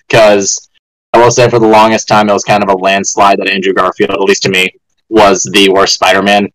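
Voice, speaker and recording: A man's voice: on the low side, fairly bright tone, no room sound, rough recording. A man chatting casually and opinionatedly as a podcast panelist, brash and joking. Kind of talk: casual opinionated group chat.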